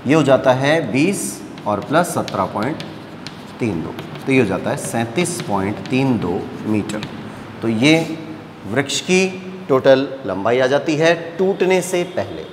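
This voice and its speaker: A man teaching maths at a board, explaining slowly and patiently step by step and checking often that the students follow. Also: mid-range voice, in a large hall, slight background noise. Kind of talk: classroom lecture at a board. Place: classroom with a board.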